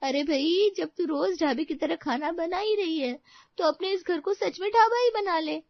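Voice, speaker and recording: A woman's voice: very high voice, moderate pace, dry recording, pitched above the performer's own voice. Woman doing a bossy, teasing girlfriend. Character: brash, clever young female friend. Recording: dry, slightly dull sound.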